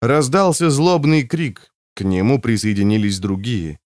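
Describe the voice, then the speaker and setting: A man narrating a novel as an audiobook, with an expressive reading. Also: medium pitch, a little slow, no room sound, studio quality.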